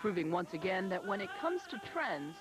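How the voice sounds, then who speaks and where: A woman's voice: medium pitch, sing-song, moderate pace. A woman TV reporter narrating a scripted news feature. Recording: loud music under voice.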